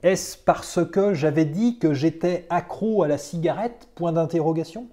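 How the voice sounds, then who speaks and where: With a medium-pitched, warm voice, a teacher dictates a text, saying each phrase more than once in a careful, deliberate way and speaking the punctuation aloud.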